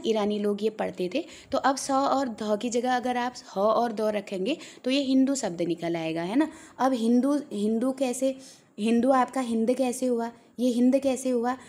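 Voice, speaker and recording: A woman's voice: on the high side, warm tone. A woman teaching an exam-prep lesson, patiently repeating key points and checking in with her students as she goes.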